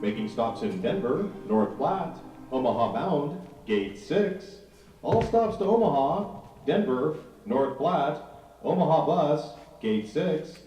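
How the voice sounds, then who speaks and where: A man playing a bus station announcer heard over the intercom, calling out departures in a slow, drawn-out way. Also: a little high, big pitch swings, mellow. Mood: announcing. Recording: echoey distant PA speaker, faint music.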